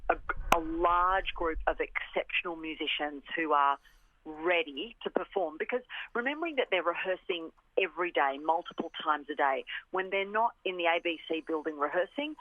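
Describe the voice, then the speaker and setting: A woman representing an orchestra talks enthusiastically on a radio interview over the phone, stressing points and repeating phrases often. Her lowish voice is expressive and moves at a moderate pace. There is no room sound, only the tinny, band-limited quality of the telephone line.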